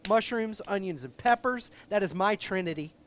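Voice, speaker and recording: A middle-aged man, hosting a casual cooking show in a jolly, loud, joking grill-dad manner. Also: high-pitched, lively intonation, moderate pace.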